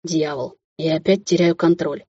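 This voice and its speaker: A woman voicing an arrogant, domineering man who speaks curtly, in a low, hissing way. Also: steady tone, fairly quick, darkish tone, dry recording, dull audio, lightly acted. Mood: strained. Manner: curt, growling, hissing.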